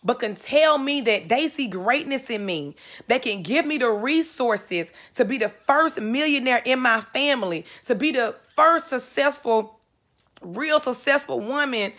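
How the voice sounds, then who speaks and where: Emotional woman, high voice, near tears. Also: expressive, unhurried, fairly bright tone. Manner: emotional, earnest, repeats phrases for emphasis. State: close to tears. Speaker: network marketer speaking to live viewers. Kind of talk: live-stream motivational talk.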